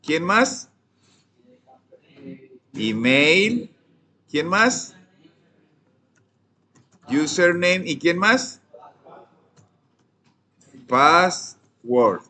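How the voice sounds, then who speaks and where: A young Colombian man leading a live coding lesson at an unhurried, deliberate pace, his voice sitting a little high for a man. He keeps asking his students what comes next and dictates the code bit by bit, often letting his sentences fade off quietly. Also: big pitch swings. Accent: Colombian Spanish. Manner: often trails off softly. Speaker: programming teacher.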